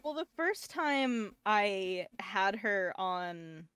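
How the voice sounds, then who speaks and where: A woman's voice: medium pitch, animated, very slow, fairly bright tone, smooth. Rambling chatty woman podcast guest. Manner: rambling, restarts sentences, fond and chatty. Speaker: podcast guest, VTuber and artist. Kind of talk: casual podcast chat.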